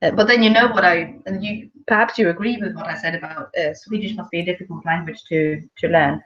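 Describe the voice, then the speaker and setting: A woman's voice: lowish voice, fairly even intonation, a little fast, fairly bright tone, lo-fi sound. A woman teaching an online English lesson, chatty and encouraging with her students.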